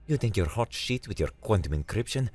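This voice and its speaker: A man voicing a brash, sleepless young male hacker who talks fast and boastfully in an audiobook story. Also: lowish voice, animated, darkish tone, no room sound, soft background music, voice pushed up. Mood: cocky.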